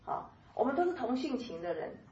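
A woman giving a conversational sermon-style Bible teaching, lively and chatty, laughing often and dotting her talk with soft filler particles. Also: high-pitched, brisk, reverberant, far from the mic, dull audio.

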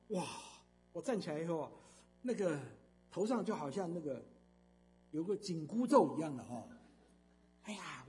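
An older man giving a church testimony as a storytelling sermon, emphatic and animated, with frequent fillers. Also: sits high.

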